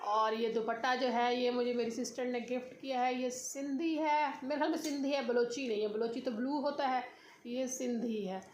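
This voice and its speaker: A woman's voice: on the high side, steady tone, normal speed, a little mellow. A woman from Pakistan with a Pakistani Urdu accent, a tired mother chatting and teasing in a casual family vlog at home. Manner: chatty and teasing, talks straight to her viewers. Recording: echoey room with faint noise.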